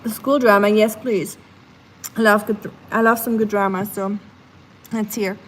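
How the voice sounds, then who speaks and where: Here a young woman speaks in a mid-range voice, a little slowly, with slight noise in the background. Drowsy and at ease, she live streams from her home kitchen, chatting loosely, reading out her chat, and filling her talk with fillers.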